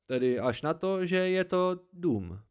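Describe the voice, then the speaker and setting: A man's voice: high voice, sing-song, clear, resonant tone, voice pushed up. A man doing a wise, scornful old hermit. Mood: lecturing. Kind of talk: amateur audiobook reading.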